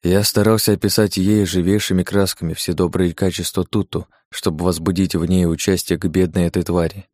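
A man narrating an audiobook in a measured, old-fashioned storytelling manner. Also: sits low, level tone, a little mellow, dry recording, clean studio sound.

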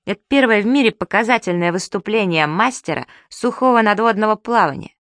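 Lady reading as a boastful show-off creature, high and bratty, dry close audiobook sound. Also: very animated, moderate pace, a bit bright, no room sound. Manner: brash, teasing, theatrical. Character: boastful cheeky magical male creature. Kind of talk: audiobook character voice.

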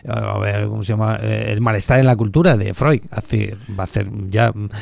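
A man's voice: on the low side, steady tone, normal speed, creaky, darkish tone, no room sound, clean studio sound. A man with a Spanish accent, chatting as a guest on a radio talk show, hesitant with many restarts and fillers. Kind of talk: casual radio conversation.

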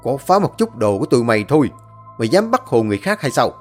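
A man's voice: mid-range voice, sing-song, fast, soft background music. Grumpy old ghost-hunter guy, bossy and scolding, normal mid voice, man doing him. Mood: stern. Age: older. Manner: commanding, scolding. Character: stern old male exorcist, gruff former drunkard.

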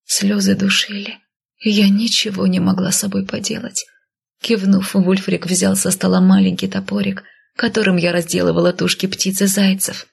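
A woman narrating a story in first person as whispered role-play, slow and intimate. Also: mid-range voice. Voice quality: husky, gravelly whisper. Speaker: audiobook narrator.

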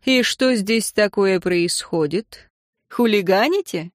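A woman reading an audiobook and voicing a weary male emperor who speaks low, restrained and quietly bitter. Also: slow pace, dry recording, studio quality, natural voice. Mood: playful.

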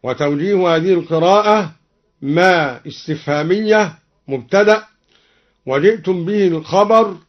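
A man from Egypt explaining variant Quranic readings in a measured way, intoning each verse as an example. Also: high voice. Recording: dull old radio recording.

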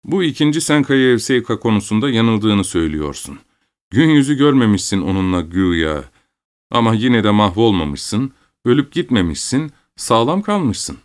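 A man's voice: lowish voice, very animated, normal speed. A man doing a bitter, angry soldier father. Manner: angry, accusing.

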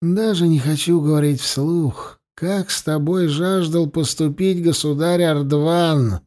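A man's voice: a little high, fairly even intonation, takes it slowly, a little mellow. A man voicing a stern, cold, self-righteous male priest who acts as torturer. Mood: cold, contemptuous. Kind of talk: audiobook character voice.

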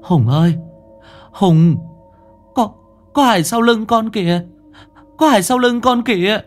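Guy doing a panicky old mom voice, way high, stuttery and breathless, storybook ghost tale. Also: animated, slow, faint music behind. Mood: panicked. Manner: stammering, breathless, high cries. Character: terrified old mother, frantic and shaky.

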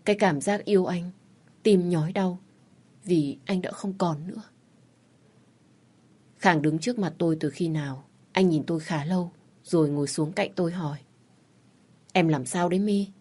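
Woman narrating softly in a low, mellow voice. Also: normal speed, pauses often, breathy edge. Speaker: story narrator. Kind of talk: scripted first-person romance narration.

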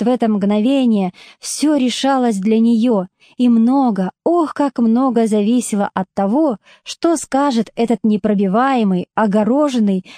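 A woman narrating a literary audiobook in a measured, expressive storytelling manner. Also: on the high side, no echo, studio quality.

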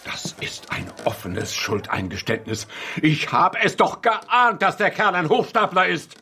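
An actor in a German radio drama playing a grumpy, indignant old professor, fussy, formal and exasperated. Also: male voice, fairly high pitch, wildly swooping pitch, unhurried, pushed and bright, a little hiss or hum, heavily acted. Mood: outraged, dismayed. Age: older.

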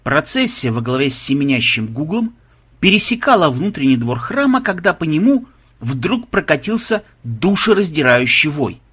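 A man narrating an audiobook in a dramatic, expressive way. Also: a little high, moderate pace, husky.

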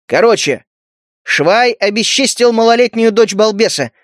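A man's voice: high voice, lively intonation, a little slow, dry recording, clean studio sound, voice pushed up. A man voicing a stern male leader addressing a crowd in an audiobook, in a commanding way.

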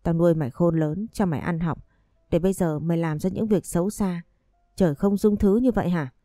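A man's voice: sits high, fairly quick, dark tone, dry recording, clean studio sound, soft background music, close to an everyday voice. A woman voicing a stern scolding father in a storybook. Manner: scolding, commanding. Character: angry stern middle-aged father.

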